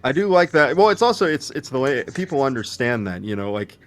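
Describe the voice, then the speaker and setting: A young man chatting casually with friends, quick to agree and laugh along. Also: medium pitch, very animated, faint music behind. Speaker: friend on the stream. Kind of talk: casual chat.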